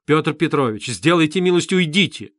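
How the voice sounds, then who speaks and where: A man's voice: a little high, animated, normal speed, no echo, studio quality. A man voicing a proud, fiery young woman who speaks curtly and sharply in an audiobook reading. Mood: pleading. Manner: curt, sharp.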